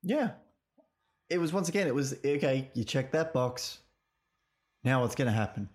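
A man's voice: medium pitch, animated, normal speed, darkish tone. Male co-host, dry sarcastic film chat, medium voice. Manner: sarcastic, mocking asides. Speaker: podcast co-host. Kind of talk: casual film review chat.

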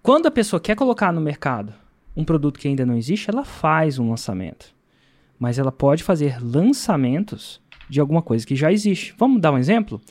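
A Brazilian man hosting a casual chat, telling stories in an animated way and laughing often. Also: fairly high pitch, brisk. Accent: Brazilian Portuguese.

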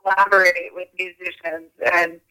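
A woman's voice: lowish voice, flat delivery, normal speed, pushed and bright, smooth, poor audio. A woman on a speakerphone call, a guest yoga teacher chatting in an interview, talking freely with frequent restarts and small laughs. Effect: heard over a speakerphone call. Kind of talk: casual interview chat.

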